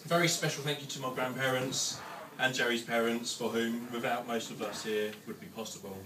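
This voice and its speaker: A man's voice: mid-range voice, fairly even intonation, brisk. Young British man's echoey, distant wedding toast speech. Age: young adult. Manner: dry, joking delivery to guests. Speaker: best man at his father's wedding. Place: large room with wedding guests. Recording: echoey, noisy room, distant microphone.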